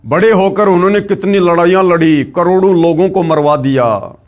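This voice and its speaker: A man's voice: sits high, moderate pace. Earnest man telling a devotional story. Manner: earnest, addresses listeners as brothers and sisters. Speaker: religious storyteller. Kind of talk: devotional story narration and preaching.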